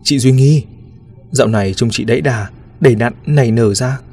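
A man's voice: mid-range voice, moderate pace, a little mellow, faint music behind, close to an everyday voice. A man voicing a nosy, blunt middle-aged village woman who pries in a familiar, gossipy way, in a spoken ghost story. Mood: prying. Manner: prying, familiar.

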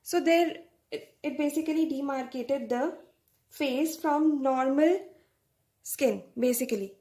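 A young woman gives a medical lecture in a high voice. She speaks slowly and explains things step by step, often stopping to check with a "right?". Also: mellow.

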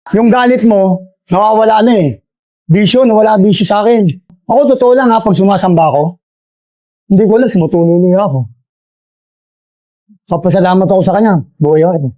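Older man with a high-pitched voice. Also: fairly quick, mellow. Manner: storytelling with frequent tag questions. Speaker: interviewee, former inmate. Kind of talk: casual recounting of prison life.

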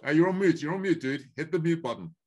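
A man's voice: on the high side, lively intonation, fast talker, darkish tone. A man in his fifties from Ghana, hosting a video call interview from home in a friendly, chatty, upbeat way, often repeating phrases. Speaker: host. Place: home room with wooden beams. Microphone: video call webcam.

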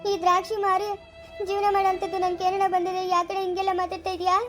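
A woman's voice: extremely high pitch, level tone, quick pace, fairly bright tone, faint music behind. A young female performer playing an orphaned village girl who begs not to be called a thief, in a family drama. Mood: pleading. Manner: pleading, begging. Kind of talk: amateur family drama acting.

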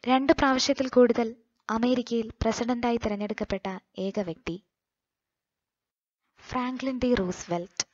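A Malayali woman reading quiz questions and their answers for exam coaching, in a slow, measured manner. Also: fairly high pitch, fairly even intonation, no echo, dull audio.

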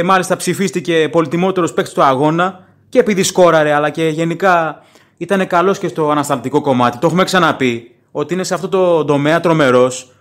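A man's voice: a little high, fairly bright tone. A man hosting a solo football fan podcast, talking in a plain-spoken, opinionated and rambling way. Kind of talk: casual solo podcast commentary.

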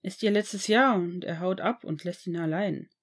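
A woman voicing an eager, pushy teenage boy wizard who speaks quickly and a little awkwardly in a fan-fiction audiobook. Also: lowish voice, natural voice.

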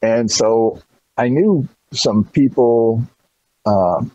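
A man's voice: mid-range voice, extremely slow, dark tone, dry recording, dull audio. A middle-aged man being interviewed about dog breeding, telling long rambling anecdotes and acting out the people he quotes. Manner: acts out quoted people in shifted voices.

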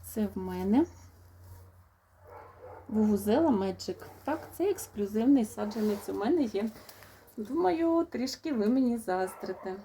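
A woman's voice: mid-range voice, expressive, unhurried, pauses often, dark tone, slight background noise. A woman with a young child, chatting fondly to her viewers as she unpacks rose seedlings. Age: adult, has a young child. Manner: fond, chatty, talks to viewers. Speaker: rose gardening vlogger. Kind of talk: casual unboxing chat.

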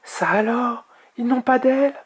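A young blue dragon, cheerful and playful, speaking in a high, lively storybook voice, as a man reads him aloud. His pitch climbs high. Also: moderate pace. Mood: upbeat. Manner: upbeat, playful.

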